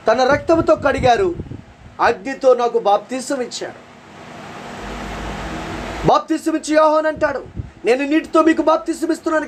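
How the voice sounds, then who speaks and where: Slight background noise sits under an extremely high-pitched male voice. He is a preacher recounting his personal testimony dramatically, leaning on repetition and heartfelt, pleading prayers.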